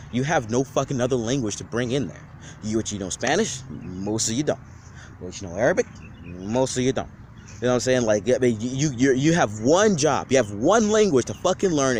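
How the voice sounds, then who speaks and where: A man's voice: medium pitch, lively intonation, a little fast, a little mellow, slight background noise. A man on a casual vlog giving an off-the-cuff rant, slangy and profane, rambling with many restarts. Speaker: vlogger.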